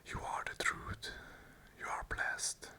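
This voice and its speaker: Speaking slowly, the ASMR host never leaves her whisper, which is soft, fully unvoiced, and bright with a sharp edge. In this unscripted monologue she earnestly repeats short affirming phrases.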